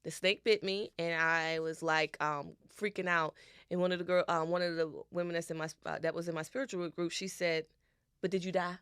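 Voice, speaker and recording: Animated woman podcast co-host. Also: lowish voice, fairly quick, clean tone, dry recording, clean studio sound. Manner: animated storytelling, repeats phrases, spiritual talk. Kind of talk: casual podcast chat.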